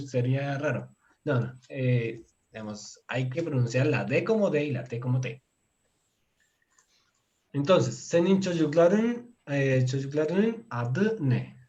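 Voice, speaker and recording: A man teaching a casual language lesson in a slightly high voice. He explains patiently, breaking long words into pieces. The recording sounds dull and lo-fi. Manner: explains slowly, spells out words syllable by syllable; relaxed, chuckles now and then.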